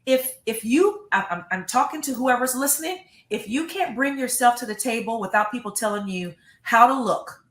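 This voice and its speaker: A woman's voice: a little high, lively intonation, normal speed, hardly any pauses, a bit bright. Middle-aged woman superintendent, earnest and emphatic, in a roomy, echoey recording. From United States. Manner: earnest, emphatic, repeats words. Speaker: school superintendent. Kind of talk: interview answers.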